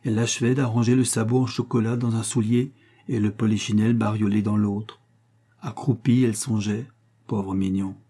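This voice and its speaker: A man reading a literary tale aloud in a measured, expressive storytelling manner. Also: medium pitch, husky. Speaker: reader. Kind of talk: scripted narration of a literary tale.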